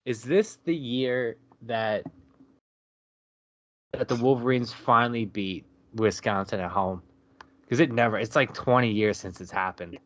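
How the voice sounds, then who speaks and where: A man's voice: medium pitch, measured pace. Laid-back man breaking down college football. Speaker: podcast co-host. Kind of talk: casual sports betting chat.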